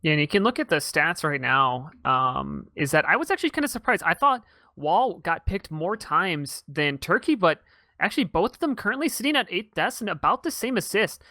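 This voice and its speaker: Bright, excited male esports caster. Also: high voice, normal speed, dry recording. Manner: chatty, enthusiastic, hands off to co-casters. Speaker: esports caster and stream host. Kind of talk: live game commentary.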